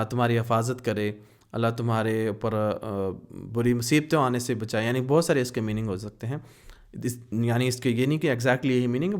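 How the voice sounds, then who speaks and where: Pakistani man teaching phrases slowly. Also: medium pitch. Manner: repeats phrases slowly, then explains them briskly. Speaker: language teacher. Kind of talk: spoken Arabic lesson explained in Urdu.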